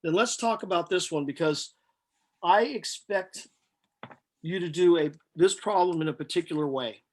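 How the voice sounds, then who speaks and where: A man giving a lecture, working through problems step by step in a halting, matter-of-fact, flat delivery as he thinks aloud. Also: high-pitched. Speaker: chemistry lecturer.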